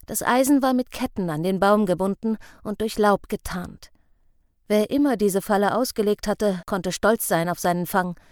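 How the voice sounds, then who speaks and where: A woman reading a novel aloud in measured, expressive audiobook narration. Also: medium pitch, no room sound, clean studio sound.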